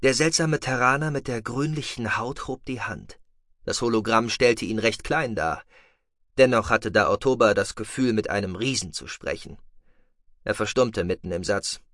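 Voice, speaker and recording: A man reading a science-fiction novel aloud in a measured, calm storytelling way, recorded on a close studio mic. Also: fairly low pitch, no room sound. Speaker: audiobook narrator. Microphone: close, dry studio mic.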